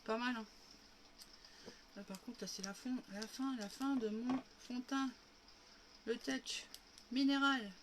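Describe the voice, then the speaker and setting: A woman's voice: on the high side, fairly even intonation, unhurried, long pauses, fairly bright tone, a little hiss or hum. A woman with a lingering cough, chatting casually through a makeup tutorial livestream at home and walking viewers through each step. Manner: chatty, demonstrating step by step, addressing viewers as girls. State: coughing, recovering from illness. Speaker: makeup live streamer.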